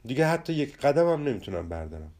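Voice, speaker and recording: A grumbling, jealous traveler who is always sorry for himself, as a man narrating a storybook puts him on. His voice is dark and mellow and rises a little above the narration when he whines. He stays a plain storybook voice rather than a full character. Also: mid-range voice, very animated, natural voice. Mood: complaining. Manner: complaining, self-pitying.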